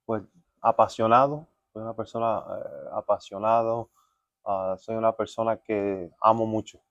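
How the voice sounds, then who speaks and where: A man with a low voice tells his life story as a pastor in a podcast interview. He speaks earnestly and reflectively, often pausing on fillers. The sound is dull and lo-fi, with no room echo. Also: steady tone. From United States. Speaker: pastor, guest. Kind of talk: relaxed testimony interview.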